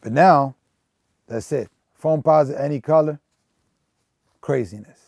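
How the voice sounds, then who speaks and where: A thirtysomething Belgian who manages a sneaker store talks informally for a documentary interview, drifting around with lots of fillers and restarts. His voice is a touch high and somewhat mellow, gravelly, and a bit slow, recorded dry and clean in a studio.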